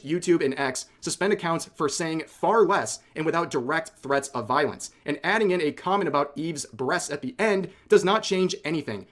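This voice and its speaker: A man giving news-style opinion commentary in an emphatic way, repeating points for effect. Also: a little high. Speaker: commentary video creator.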